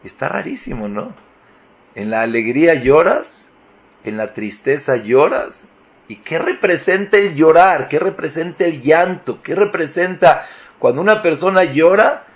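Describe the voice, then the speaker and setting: Slow-speaking man teaching a Torah lesson. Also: a little high, expressive, muffled recording. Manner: rhetorical questions, emphatic rises. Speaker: rabbi teaching.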